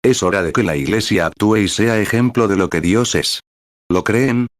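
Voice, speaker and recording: A man with a very low voice reads a sermon in an earnest, solemn preaching tone. The sound is dry and close, with no room around it. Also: moderate pace, no room sound. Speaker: preacher's voice-over translator. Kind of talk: reading a translated sermon.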